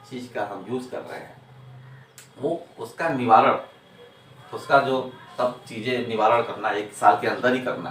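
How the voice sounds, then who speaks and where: A man teaching accounting in a classroom lecture, repeating points and answering his own rhetorical questions. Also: medium pitch. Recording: echoey room, distant mic, faint noise.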